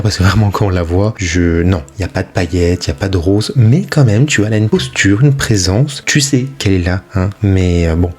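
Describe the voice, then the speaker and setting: A man's voice: sits low, darkish tone. A man hosting a drawing vlog in a casual voice-over, chatting and joking at his own expense while speaking straight to the viewer. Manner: chatty, self-mocking, speaks to the viewer directly. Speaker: drawing channel host.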